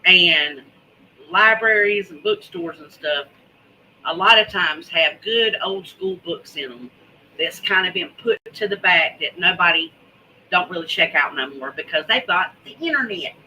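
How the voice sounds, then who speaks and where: A woman hosts a casual livestream. Her voice is very bright and forceful, and she takes her time, drawling and repeating words for emphasis. There is some noise behind her. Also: on the low side, animated, a little slow, low-quality recording. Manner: folksy, drawling, emphatic repetition. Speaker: host of a homesteading preparedness vlog.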